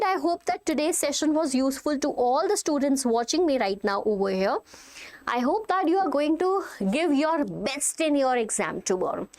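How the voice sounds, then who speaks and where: A woman with a North Indian accent teaching a live online revision class, emphatic and instructive, repeating key points to her students. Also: high voice. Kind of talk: live exam revision lesson, addressing students directly.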